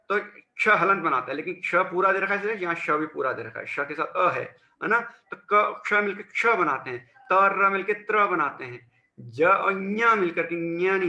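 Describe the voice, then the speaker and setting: Bright-voiced man teaching in an echoey room. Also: a little high. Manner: patient, repeats and spells out sounds. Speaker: school teacher. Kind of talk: classroom lesson on Hindi grammar.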